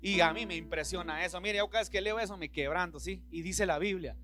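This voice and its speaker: Pastor, male, Central American Spanish accent, impassioned church preacher, bright forceful tone. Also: high voice, fast talker, faint music behind. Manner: impassioned, acts out Bible dialogue in voices. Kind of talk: sermon.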